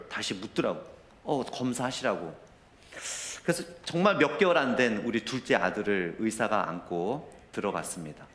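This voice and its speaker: A man's voice: fairly low pitch, fairly bright tone. A middle-aged man preaching a sermon as a pastor, telling a personal story and rising to emotional intensity. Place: church sanctuary. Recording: roomy church echo.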